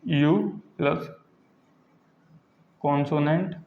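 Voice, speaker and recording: Male grammar teacher, fairly high voice, drills examples by repetition, roomy classroom sound. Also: fairly even intonation, darkish tone. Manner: repeats examples slowly, asks and answers his own questions. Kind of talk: classroom lesson explaining pronunciation rules. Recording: echoey lo-fi classroom recording.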